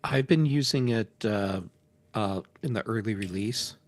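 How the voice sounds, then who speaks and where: A man's voice: fairly low pitch, a little slow. A man on a tech podcast panel chatting casually and candidly, with a griping way of talking.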